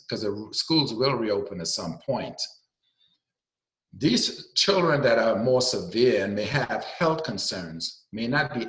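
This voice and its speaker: A man's voice: lowish voice, a bit bright, reverberant, rough recording. A man working as a special education advocate, explaining guidance earnestly over a video conference call with many fillers. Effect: video conference call audio.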